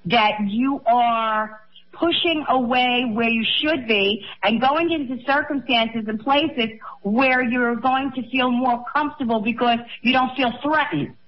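A woman's voice: a little high, unhurried, lo-fi sound. A woman in her sixties co-hosting a radio advice show, talking emphatically and encouragingly. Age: 60s. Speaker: psychic radio co-host.

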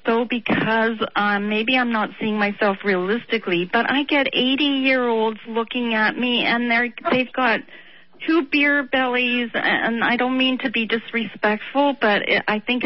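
A woman in her early sixties calling in to a radio show, talking earnestly and haltingly. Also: on the high side, dry recording, lo-fi sound. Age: 60s. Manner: earnest, halting, laughs easily. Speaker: caller. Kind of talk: call-in radio chat.

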